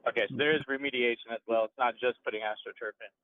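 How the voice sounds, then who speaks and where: A man's voice: mid-range voice, steady tone, dry recording. Man calling in on a car speakerphone. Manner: quick, questioning, plain-spoken. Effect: car speakerphone call. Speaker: board member. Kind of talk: meeting discussion. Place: in a moving car. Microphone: phone dial-in. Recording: tinny, dry phone line.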